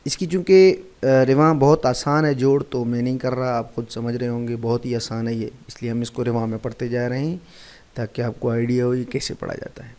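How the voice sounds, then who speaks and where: A man's voice: medium pitch, completely flat delivery, dark tone. A man teaching a Quran reading lesson, patiently repeating each syllable three times as a drill. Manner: patient, repetitive drilling of sounds. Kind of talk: recitation lesson, spelling out syllables.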